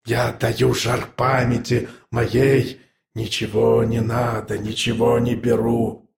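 A man voicing an old undead corpse who drawls in a hoarse, choking wheeze. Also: mid-range voice, flat delivery, roomy sound, background noise. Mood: offended. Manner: drawn-out, choking speech. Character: wheezing undead male corpse, old, pompous then folksy. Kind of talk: audiobook character voice.

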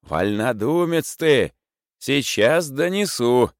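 A man's voice: medium pitch, animated, a little slow, no room sound, clean studio sound, pitched above the performer's own voice. A man voicing a fawning, pleading drunken clerk in a storybook reading, with fervent, wheedling speech. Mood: shrill accusing. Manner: fervent, wheedling, bowing and scraping.

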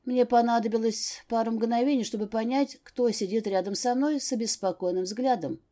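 A woman reads a fantasy novel aloud in the first person. Her delivery is measured and expressive, with a mellow, warm timbre at a middle pitch. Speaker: audiobook narrator.

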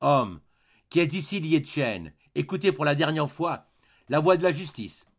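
A man's voice: a little high, lively intonation, unhurried, fairly bright tone. A man reading the part of a stern male sheriff who speaks with solemn, formal menace. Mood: menacing.

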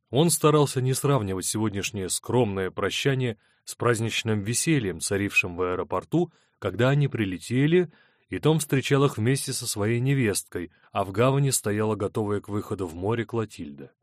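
This scripted audiobook narration comes from a man with a voice on the low side, reading in a steady, measured way. The studio sound is clean, without echo.

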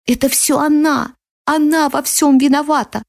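A woman's voice: steady tone, moderate pace, gravelly, no room sound, clean studio sound. A woman voicing a grieving young boy who screams blame through sobs in an audiobook. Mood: screaming accusation. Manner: shrill sobbing shouts. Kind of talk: audiobook character voice.

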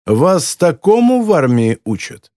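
A man voicing a condescending, sinister bald American man in an audiobook, speaking in a cold, mocking, deliberate way. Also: a little high, big pitch swings, mellow, dry recording, studio quality, pitched above the performer's own voice. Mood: scornful. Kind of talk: audiobook character voice.

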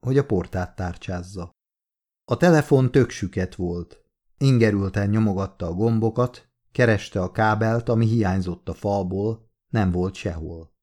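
A man reading an audiobook in a calm, measured way, slowing down at key moments. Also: on the low side. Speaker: audiobook narrator. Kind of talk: audiobook narration.

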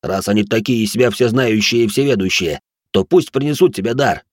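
Storybook tough guy, blunt and coarse-tongued, mocking tone, a bit raised from a low voice, dry sound, as the narrator plays him. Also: fairly quick, dry recording, lightly acted. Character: mocking, blunt male ex-soldier.

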